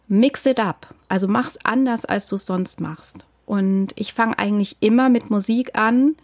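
A woman's voice: medium pitch, measured pace, a little mellow, no echo, studio quality. A woman songwriter answering interview questions, explaining her craft thoughtfully and at length with examples. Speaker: songwriter and singer.

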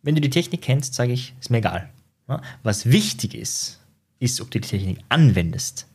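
A male psychologist giving a motivational self-help lesson in a slightly husky, mid-pitched voice. He speaks directly to the listener and checks in often with short tag questions. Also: very animated, moderate pace, a little mellow. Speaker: psychologist and coach.

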